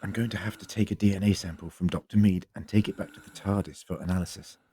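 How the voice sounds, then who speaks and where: Man playing the Doctor, low-voiced, grave time traveller. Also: steady tone, warm tone, slightly rough, no echo. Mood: worried. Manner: earnest, measured explaining. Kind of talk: audio drama acting.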